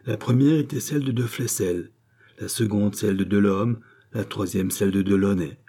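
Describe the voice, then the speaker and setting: A man narrating a classic novel as an audiobook in a measured, dramatic reading. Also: lowish voice, dark tone.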